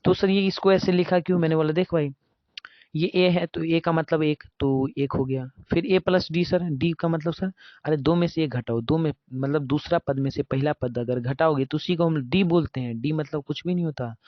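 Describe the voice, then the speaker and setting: Chatty math teacher, dull dry sound. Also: male voice, on the high side, normal speed, no echo. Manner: chatty, asks and answers his own questions. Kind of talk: casual classroom lesson.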